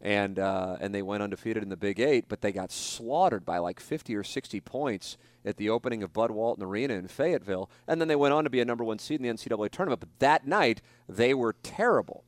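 A man with a lowish voice hosts a talk show, rambling through his thoughts with plenty of restarts and fillers. He is recorded close and dry, with no room sound. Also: lively intonation, quick pace, few pauses, no room sound. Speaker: radio show host. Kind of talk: casual talk show chat.

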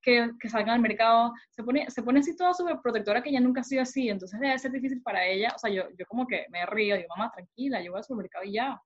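A woman's voice: on the high side, quick pace, hardly any pauses, highs cut off. A woman, talking casually and expressively with friends. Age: 20s. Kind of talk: casual chat among friends.

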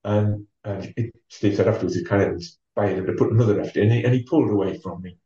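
Speaking as an interview guest, a former marathon runner from North East England relaxes into a long story. His voice is low and mellow, his manner measured, with plenty of ums and false starts. Captured from afar, the audio is dull and echoes around the room.

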